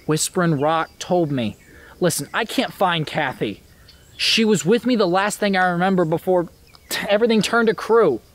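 A man's voice: high-pitched, moderate pace, a little hiss or hum, natural voice. An actor playing a polite, earnest ghost of a man lost since the 1950s, from Illinois, in a film drama. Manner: earnest, polite, old-fashioned.

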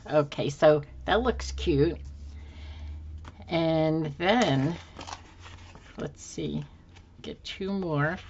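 A woman hosting a crafting video at her desk, musing aloud to herself as she works, her voice a little hoarse. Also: deep voice, dull audio, a little hiss or hum. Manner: unhurried, musing to herself with fillers. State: slightly hoarse, losing her voice. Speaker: planner decorating channel host. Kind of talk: casual thinking-aloud crafting narration. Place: indoors at a desk. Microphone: overhead camera, hands only.

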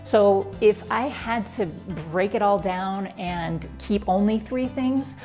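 A woman's voice: medium pitch, slow, mellow. Upbeat woman in her forties, chatty vlog host talking to camera on a lapel mic, faint music under her. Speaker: fitness vlogger. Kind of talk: home room tour vlog. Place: basement home gym, indoors.

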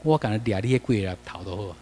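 A man's voice: lowish voice, a little fast, dark tone, long reverb tail. A man with a Taiwanese accent giving a classroom lecture over slides. He talks in a chatty way, mixes in Taiwanese phrases and keeps asking the class questions.

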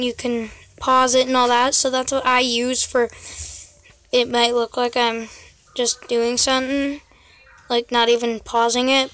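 Young woman gamer talking thru her game, slow n chatty, high voice, bit of hiss behind. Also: a bit bright. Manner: chatty, keeps addressing viewers as guys. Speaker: gaming channel host. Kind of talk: casual gameplay commentary.

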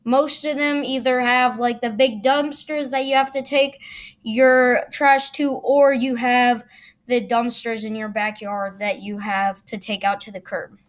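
A woman talks over a video she is reacting to, casual and sarcastic. Her voice sits a little high, and she brushes off what she hears with dry, dismissive remarks. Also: steady tone, measured pace. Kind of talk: reaction commentary.

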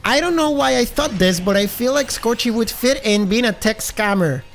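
Excitable streamer man with lively pitch. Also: moderate pace, gravelly, soft background music. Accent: some accent. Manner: excitable, gasping, shouting reactions; swears freely. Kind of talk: live gaming stream commentary.

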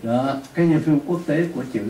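A man with a Northern Vietnamese accent teaching an English pronunciation lesson, drilling words slowly for students to repeat. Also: on the high side, mellow, slight background noise. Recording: echoey room, voice from a distance.

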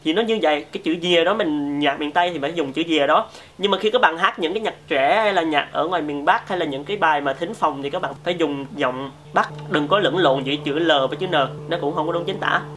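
Brief: male vocal coach, somewhat high voice, relaxed and joking, talks straight to camera. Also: fast, slight background noise. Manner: chatty and joking, addresses viewers directly. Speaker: singing teacher. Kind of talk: casual video singing lesson.

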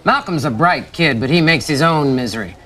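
A gruff, kindly middle-aged school woman. She is deadpan and matter-of-fact, with a bright, firm edge to her voice, in TV comedy style. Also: deep voice, a little fast. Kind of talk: TV comedy acting.

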